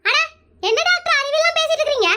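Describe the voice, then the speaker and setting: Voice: very high voice, lively intonation, very fast, background noise. A performer voicing a bossy, meddling middle-aged aunt in a comedy cartoon, scolding and nagging everyone around her.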